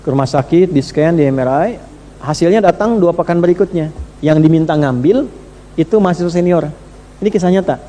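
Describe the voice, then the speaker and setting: A man preaching a sermon to a live audience in a conversational way, asking questions and swinging between emphatic and hushed delivery. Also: on the high side, fairly quick. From Indonesia. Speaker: Islamic preacher. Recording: reverberant hall with faint noise.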